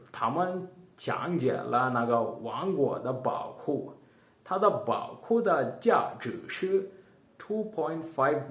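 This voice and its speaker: An Indian-accented man explains things to viewers in a language that is not his own. He speaks at a very slow, halting pace, repeating words and reaching for English terms. His pitch moves up and down a lot, and the room around him sounds echoey. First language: not Chinese, a learner. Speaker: video presenter. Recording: roomy, echoing sound.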